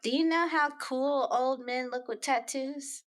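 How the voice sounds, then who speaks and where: A young woman co-hosting a casual podcast with her dad, telling stories in an animated way and laughing often. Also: sits high, a little slow. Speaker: podcast co-host. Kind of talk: casual chat.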